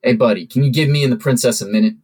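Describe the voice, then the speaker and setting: A man's voice: medium pitch, very fast, a little mellow, husky, lightly acted. A man doing a drunk, pushy boss. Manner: pushy and rude. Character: drunk, pushy middle-aged boss, rude.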